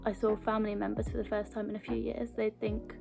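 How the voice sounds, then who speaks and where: A young British woman, a video blogger, speaks fast in a medium-pitched, creaky voice that barely moves in pitch. She addresses the camera earnestly in a casual, personal style, with a mild stammer that makes her repeat small words now and then. Music plays behind her.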